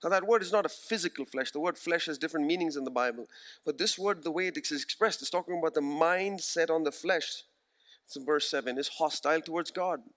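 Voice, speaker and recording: This sermon comes from a forties-aged man whose voice sits slightly above the typical male range and sounds a bit bright. He preaches with earnest emphasis, easing his pace to repeat the phrases that matter most.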